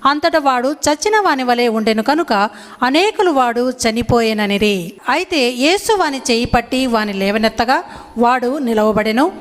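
A woman reading a scripture passage aloud in a steady, formal way. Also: a little high, moderate pace. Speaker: scripture reader. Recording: long hall reverb.

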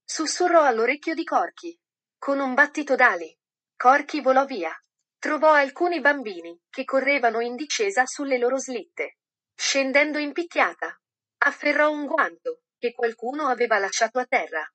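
A woman narrating a children's Christmas story in a gentle, measured reading voice. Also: high voice, lively intonation. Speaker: audiobook narrator.

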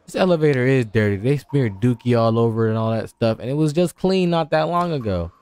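A man's voice: mid-range voice, lively intonation, fairly quick, a little mellow, clean tone. A young man streaming a horror game with scared commentary, playfully scolding the game's characters as he talks to them.

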